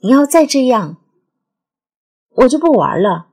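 A flustered young woman losing patience on the phone, as the narrator voices her. Her breathy, husky voice swings widely up and down as she pleads and scolds. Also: high-pitched, sing-song, measured pace, a little mellow, heavily acted. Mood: exasperated. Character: exasperated young woman Xiaowan.

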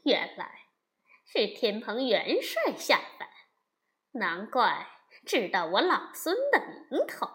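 A woman voicing a cocky male monkey king, boastful and scolding, in a lower, louder voice than her narration. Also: big pitch swings, takes it slowly, exaggerated voice.

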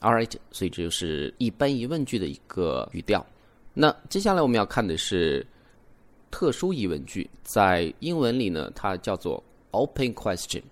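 Man, young adult, teacher, low pitch, animated melody, clear demonstrations of rising and falling tones. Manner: explains slowly, demonstrates English intonation with exaggerated rises and falls. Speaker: English teacher and podcast host. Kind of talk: bilingual language lesson.

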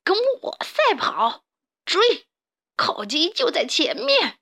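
A woman's voice: extremely high pitch, huge pitch swings, slow, pushed and bright, pitched above the performer's own voice, heavily acted. Woman voicing a sneering rat gang boss. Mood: gloating. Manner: sneering, barks insults. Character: scheming male rat gang boss, bossy and mean.

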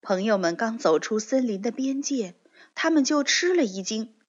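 A woman reading a children's fairy tale aloud in a gentle, expressive storytelling manner. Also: on the high side, moderate pace. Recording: dull lo-fi recording.

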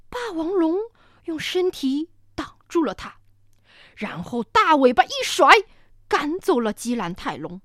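A woman telling a children's story with sound effects and dramatic pauses. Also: very high voice, dry recording, clean studio sound.

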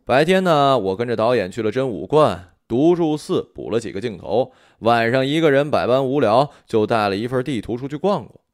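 A man narrating an audiobook story in an expressive, animated storytelling manner. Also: mid-range voice, normal speed, few pauses, no echo, studio quality.

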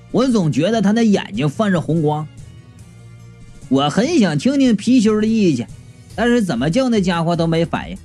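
Lady storyteller, super animated comic reading, mellow voice. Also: mid-range voice. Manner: animated, comic, exclamatory delivery. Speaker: audiobook reader.

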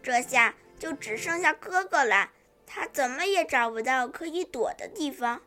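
A woman with a high voice reads a children's storybook aloud, gently and clearly. Music sits clearly behind her the whole time. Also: lively intonation, moderate pace.

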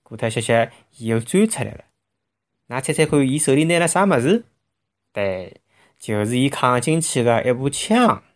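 Children's storyteller: Shanghainese accent, mid-pitched, highly animated, expressive delivery. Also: normal speed. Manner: expressive, with vivid sound words.

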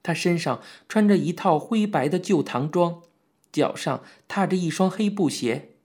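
A man reading a novel aloud as an audiobook narrator, in a measured, even storytelling manner. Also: fairly high pitch. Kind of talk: scripted narration.

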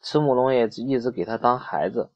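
A woman reads a picture book aloud to a child in a patient, conversational way, often stopping to ask questions. Her voice is low-pitched. The home recording sounds dull and lo-fi. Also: fairly quick. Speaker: parent reading to a child.

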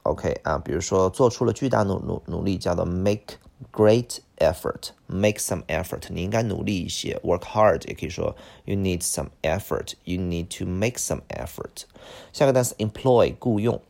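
A man with a Mandarin Chinese accent and a low, creaky, slightly mellow voice teaches IELTS vocabulary at a normal pace. He switches between Chinese and English and repeats each word several times.

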